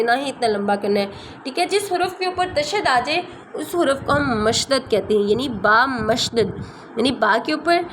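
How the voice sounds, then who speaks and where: A woman teaching a tajweed lesson, patiently repeating letter sounds slowly and checking that students follow. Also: high-pitched, fairly bright tone, a little hiss or hum. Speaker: Quran recitation teacher.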